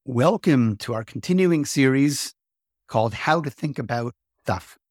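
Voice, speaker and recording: Male podcast host, mid-pitched, earnest and explanatory, dry close recording. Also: measured pace, dry recording. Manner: earnest, explanatory, steady delivery. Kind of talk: lecture-style podcast talk.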